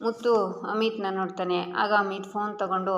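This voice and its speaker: A woman's voice: mid-range voice, a little fast. Woman narrating a serial recap. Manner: steady, plain storytelling. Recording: roomy echo.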